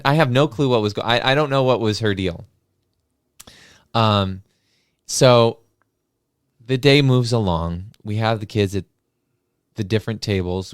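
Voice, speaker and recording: A low-pitched man tells a story in a casual, animated way, full of hesitations and fillers. His voice is smooth and resonant. It is recorded close and dry, with no room sound. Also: no room sound. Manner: animated anecdote-telling with many filler sounds. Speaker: podcast host and classroom paraprofessional.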